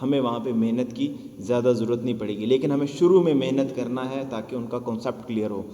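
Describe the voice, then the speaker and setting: A man training Quran teachers, explaining patiently and chanting drawn-out syllables as examples. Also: medium pitch, dark tone. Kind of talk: teaching lesson, demonstrating recitation. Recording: echoey room with long reverb.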